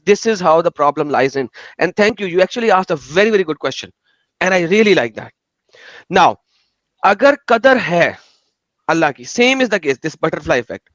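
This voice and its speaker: A man's voice: high-pitched, fairly bright tone, no room sound, highs cut off. A man hosting a heated online debate, insistent and repeating himself, mixing in English.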